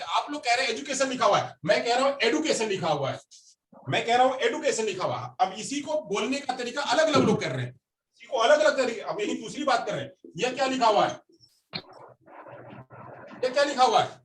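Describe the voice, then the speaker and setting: Man, teacher, classroom lecture, repeats phrases, quizzes the class, high voice, roomy distant recording. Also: animated, a little fast, long pauses, a bit bright, slight background noise.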